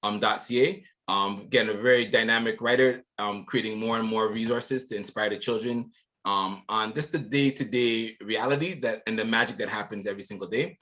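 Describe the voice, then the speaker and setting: Bright-voiced man hosting, dull audio. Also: fairly low pitch, brisk. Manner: casual, with many um fillers. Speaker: event host. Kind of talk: hosting a book launch.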